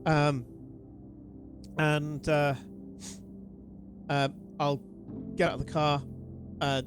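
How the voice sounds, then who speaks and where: A man's voice: fairly high pitch, level tone, soft background music. Man playing a swearing British tabletop player. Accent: British English. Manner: casual, swearing, halting with fillers. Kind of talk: describing his character's actions in a tabletop game.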